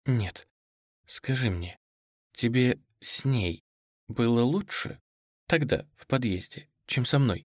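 A man's voice: mid-range voice, lively intonation, takes it slowly, long pauses, dry recording, studio quality. A man voicing a frightened, tearful young woman who pleads in a trembling voice, in an audiobook reading. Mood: anxious.

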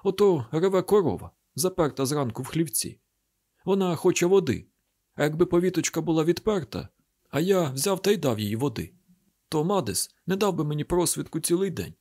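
A man's voice: fairly high pitch, lively intonation, brisk, darkish tone. A man voicing a bitter old village father, a cattle healer, in an audiobook drama reading, talking with heated, grieving reproach. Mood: aggrieved.

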